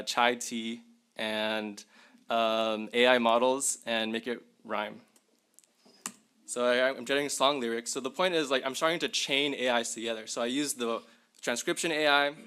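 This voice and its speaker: This young tech presenter has a smooth, mid-range voice with a sharp edge. He's at a symposium in a university lecture hall, showing off tools live while chatting informally and addressing the audience directly.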